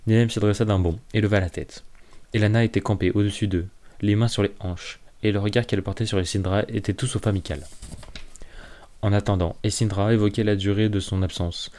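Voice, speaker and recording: Brief: male audiobook narrator, calm and measured, low mellow voice. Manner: calm, measured reading with small slips. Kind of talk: fantasy novel narration.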